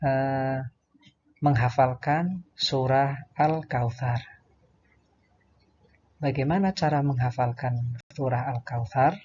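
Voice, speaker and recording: A man teaching young children to recite verses, chanting each line slowly and then explaining the pronunciation patiently. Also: mid-range voice, darkish tone, highs cut off, slight background noise. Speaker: primary school religion teacher. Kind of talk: slow recitation lesson for children.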